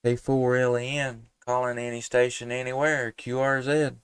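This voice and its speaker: The voice is male, medium-pitched and fairly flat in intonation, at normal speed with a clean tone, no room sound and studio quality. He's a live-streaming amateur radio operator from southern Middle Tennessee who calls and makes casual contacts courteously and folksily, using radio terms and spelling out call signs.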